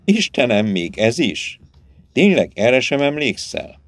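A man's voice: medium pitch, sing-song, no room sound, natural voice. A man reading aloud and voicing a firm, commanding young woman who takes charge. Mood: firm, earnest. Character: stern, resolute young woman, captive sister.

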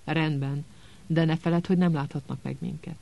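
A man's voice: a little high, steady tone, gravelly, warm tone, muffled recording. A man reading a clever, anxious teenage girl in an audiobook, sounding urgent and flustered.

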